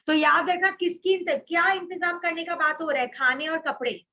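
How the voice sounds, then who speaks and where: Woman, teacher, reads aloud and explains, mixes in English, high voice, bright tone. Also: fairly even intonation, moderate pace. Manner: reads passages aloud then explains them in Hindi mixed with English. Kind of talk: explaining a Hindi literature chapter to students.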